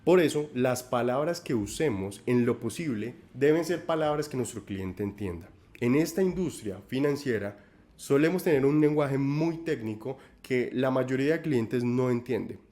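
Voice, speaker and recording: A man with a mellow, medium-pitched voice gives a corporate training talk at normal speed with lively intonation. He addresses listeners directly with advice, often correcting himself and repeating words.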